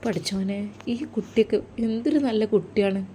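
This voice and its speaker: A woman's voice: medium pitch, steady tone, a little fast, mellow, a little hiss or hum, natural voice. A woman with a Malappuram accent voicing a worried, tearful older mother who speaks in a confiding way. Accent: Malappuram Malayalam. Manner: anxious, confiding. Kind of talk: storytelling role-play.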